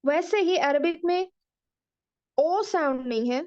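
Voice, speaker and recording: High-voiced woman teaching slowly. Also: a little mellow, no echo. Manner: patient, deliberate, demonstrating letter sounds aloud. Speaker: Quran recitation teacher. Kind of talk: slow explanatory lesson mixing Hindi-Urdu and English. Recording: dull lo-fi dry recording.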